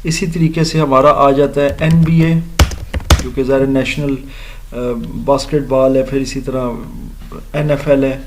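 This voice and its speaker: A man teaching an English grammar lesson, explaining slowly, spelling out letters and repeating words for his students. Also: mid-range voice, little pitch movement, a little hiss or hum. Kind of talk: recorded grammar lecture.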